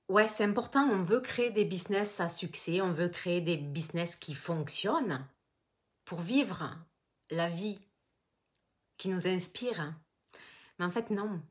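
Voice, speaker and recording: Chatty southern French woman coach. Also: fairly low pitch. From Toulouse, southern France. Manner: chatty, greets viewers by name, reads comments aloud. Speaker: business coach. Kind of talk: live online masterclass.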